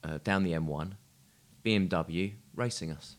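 A man co-hosting a podcast with a very deep voice. He asks gentle, probing questions and keeps his replies brief and encouraging. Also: normal speed. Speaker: podcast co-host. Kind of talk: conversational podcast interviewing.

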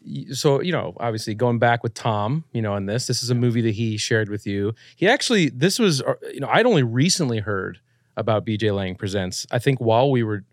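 Male podcast host, casual, profane, mid pitch, dry close mic. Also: lively intonation, brisk, no echo. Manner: reactive, profane, steers the talk.

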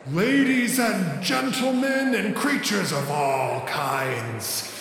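A man doing a booming amplified arena announcer. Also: animated, creaky, a bit bright, heavy reverb, in a large hall, exaggerated voice. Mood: hyping. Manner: drawn-out, showman ring announcing. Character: booming male arena announcer hyping a fighter. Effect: booming amplified announcer voice ringing through an arena.

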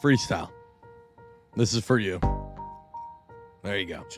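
A man's voice: lowish voice, measured pace, over music. A man hosting a podcast with casual, joking banter. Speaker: podcast host.

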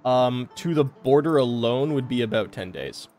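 A man running a tabletop game as game master, talking in a halting way with many pauses and restarts. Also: mid-range voice, animated, a little mellow, soft background music. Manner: halting, lots of ums and restarts.

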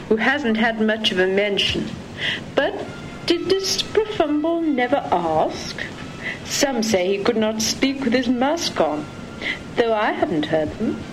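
A woman heard from an old home tape recording, talking and reading aloud at home in a lively, sing-song way. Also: fairly high pitch, background noise.

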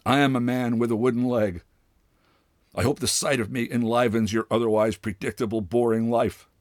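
A man voicing a bitter, pompous old father with a wooden leg, speaking with sardonic, drawn-out mockery in a storybook reading. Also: fairly low pitch, expressive, dry recording, studio quality. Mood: scornful.

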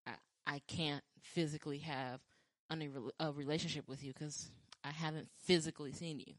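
Woman, low and mellow, casual rambling chat with restarts, dry close sound. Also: a little fast, no echo. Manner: rambling, with frequent restarts and filler; acts out quoted lines with lively pitch jumps. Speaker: podcast talker sharing dating stories.

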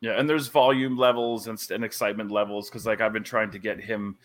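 Bright-voiced animated wrestling commentator man. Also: lowish voice, brisk. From Canada. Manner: animated storyteller, laughs often. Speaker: wrestling commentator, podcast guest. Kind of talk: casual podcast chat.

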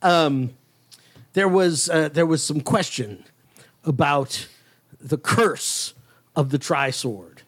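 Casting: male game master and podcast host, high voice, casual bantering narration. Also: takes it slowly, pauses often, a bit bright.

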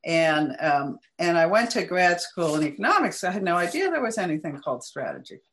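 A middle-aged woman academic recounting her path in a relaxed interview, chatty with frequent small laughs and restarts. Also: lowish voice, a little fast. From United States. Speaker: guest academic. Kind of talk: interview conversation.

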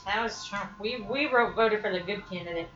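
A woman's voice: medium pitch, a little fast, over music. Blunt, sarcastic woman in an echoey room. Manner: sarcastic, blunt, swears freely. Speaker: podcast co-host. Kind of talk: casual chat. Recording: roomy, dull sound with noise. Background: noise.

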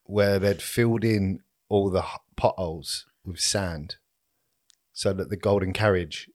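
A man's voice: low voice, fairly even intonation, measured pace, a little mellow. A man with a southern English accent co-hosting a podcast in casual, matey, blokey banter. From Britain. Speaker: podcast co-host.

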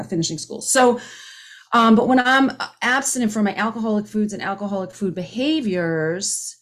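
A woman in her fifties giving a personal share at a recovery meeting, earnest and conversational, often restarting her sentences. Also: mid-range voice. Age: 50s. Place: home, speaking on a video call. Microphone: video call microphone.

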